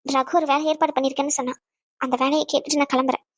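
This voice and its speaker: A woman's voice: high-pitched, level tone, rapid-fire, dry recording, clean studio sound, close to an everyday voice. A woman voicing a proud, resentful young wife in a cartoon, answering in a cold, defiant way. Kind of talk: cartoon voice acting.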